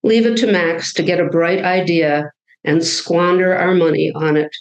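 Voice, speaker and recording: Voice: mid-range voice, fairly even intonation, moderate pace, reverberant, highs cut off, close to an everyday voice. A poet voicing a stern old immigrant great-grandmother with a German accent, telling her story bluntly and wryly.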